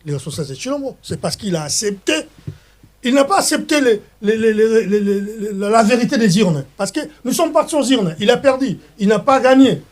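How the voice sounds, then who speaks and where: A Congolese man with a Congolese French accent speaks in a high voice as a guest in a heated political interview. He talks passionately and repeats words, restarting his sentences as he pushes his point. His French is mixed with Lingala phrases. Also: lively intonation, brisk. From Democratic Republic of the Congo. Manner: impassioned, repetitive, stumbling restarts.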